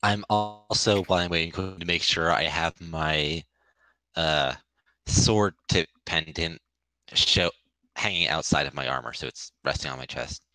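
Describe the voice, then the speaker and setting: A man's voice: sits low, unhurried, bright, forceful tone, no room sound, rough recording. A man playing a tabletop game, casually describing what his character does.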